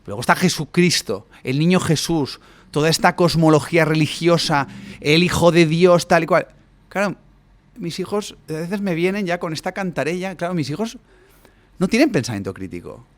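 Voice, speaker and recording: A man's voice: on the high side, animated, moderate pace. A man, a guest coach explaining his ideas at length in a podcast conversation, often closing points with rhetorical questions. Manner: expansive, lecturing, frequent rhetorical tag questions.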